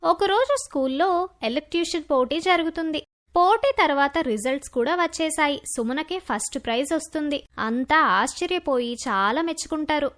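Woman narrator, very high voice, expressive storybook reading. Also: normal speed. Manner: expressive, voices a young girl with a raised pitch.

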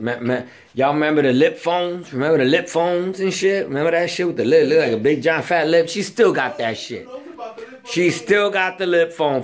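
Young man, street slang, casual profane house tour, handheld phone audio, indoors. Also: a little high. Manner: loose, slangy and swearing, talks to the camera. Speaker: vlogger giving a house tour. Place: inside a house, walking room to room.

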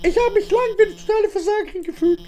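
A woman voicing a nervous, nerdy female lizard scientist who talks high and stammers. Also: rapid-fire, warm tone, a little hiss or hum. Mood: shy, heartfelt.

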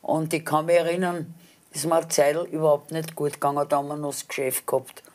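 A woman's voice: low-pitched, level tone, fast, a little mellow. A woman, talking bluntly and unhurriedly as a guest on a TV talk show. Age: 70s. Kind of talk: casual talk show chat. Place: TV studio set.

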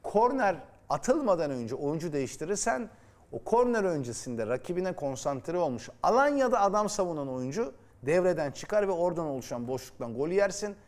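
A man's voice: fairly high pitch, big pitch swings, brisk, darkish tone. A man talking as a football pundit in a studio, blunt and teasing, with emphatic opinions.

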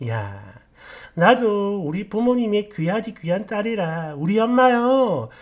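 Blunt, lively woman storyteller. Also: mid-range voice, lo-fi sound. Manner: blunt, sarcastic, animated. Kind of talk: casual storytelling narration.

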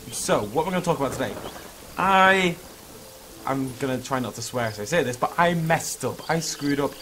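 A young man, hungover with a slightly hoarse voice, chatting in an informal, rambling, self-critical way as he vlogs over a video game. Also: mid-range voice, a bit bright. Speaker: gaming video creator. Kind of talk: casual vlog chat over gameplay. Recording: clearly noisy background ambience.

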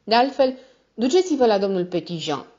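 A woman's voice: medium pitch, sing-song, mellow, voice pushed up. The notary, read out by a woman is stern and cold, his lines dry and mock-modest, with just a faint lift over her usual tone. the whole reading comes through a dull, lo-fi recording. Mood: ironic. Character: cold, ironic male notary, middle-aged, stern.

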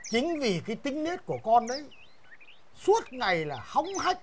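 A man's voice: extremely high pitch, big pitch swings, a little slow, a little hiss or hum, exaggerated voice. A middle-aged man playing a wealthy father in a folk comedy TV drama, laughing often as he talks, with music playing behind. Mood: jovial. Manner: laughing, jovial. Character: wealthy father, jolly official. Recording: music playing under the dialogue.

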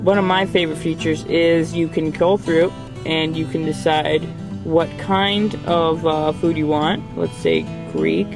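A young man casually showing phone apps from inside a car, rambling with lots of fillers. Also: a little high. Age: young adult. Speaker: tech reviewer. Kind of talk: casual app demo vlog.

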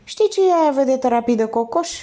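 Lady putting on a cocky slangy thief guy, voice jumps all over, soft dark tone. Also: high voice, lively intonation, voice pushed up. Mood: scoffing. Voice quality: slangy, brash. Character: streetwise male thief, rough and mocking.

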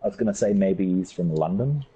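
A man's voice: low-pitched, lively intonation, brisk, mellow, low-quality recording. A man with a New Zealand accent chatting in laid-back, joking banter while playing a game. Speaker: gaming streamer. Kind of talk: casual gameplay chat.

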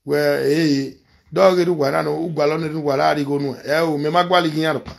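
A man's voice: on the high side, steady tone, a little fast, gravelly. A man, a pastor, pleading again and again in a video message and switching into a local language.

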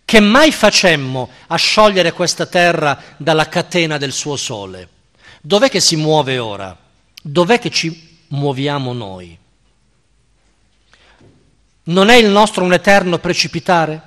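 A male lecturer reading aloud the lines of a frantic man who cries out that God is dead, declaiming them in loud, impassioned questions. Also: fairly high pitch, animated, unhurried, pauses often. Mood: anguished. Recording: reverberant lecture hall.

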